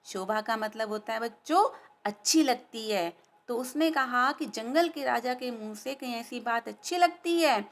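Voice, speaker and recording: Slow, high-voiced woman teacher reading to kids. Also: lively intonation. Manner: explains words to children, asks questions. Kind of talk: storytelling lesson for children.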